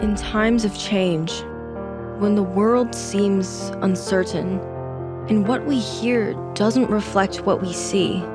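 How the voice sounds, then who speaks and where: A woman narrating a scripted promo voice-over in a slow, deliberate, solemn way. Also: medium pitch. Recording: voice-over over loud music.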